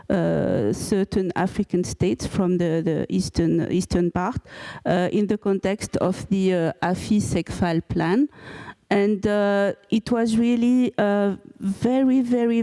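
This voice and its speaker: A woman's voice: medium pitch, warm tone. A woman with a French accent, her first language French, moderating a conference panel in English with many hesitant fillers. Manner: hesitant, many fillers, self-deprecating humour.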